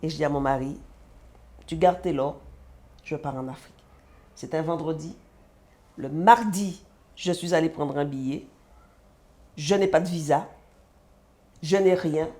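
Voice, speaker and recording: A woman from the French Antilles, a mother, telling her personal story as a guest in an animated way and acting out the dialogue. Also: low voice, measured pace, pauses often. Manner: animated, acts out quoted dialogue. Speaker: guest, mother of a sick child.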